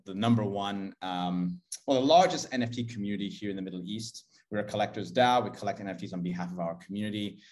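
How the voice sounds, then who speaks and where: A man from Mauritius answering interview questions in a businesslike way, with frequent "uh" fillers. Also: on the low side. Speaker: guest, co-founder.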